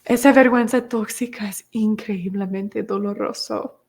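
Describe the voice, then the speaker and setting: A woman's voice: mid-range voice, steady tone, measured pace, a little mellow, breathy edge. A woman teaching an online course in a conversational way, acting out little dialogues and answering viewers' comments. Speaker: course instructor.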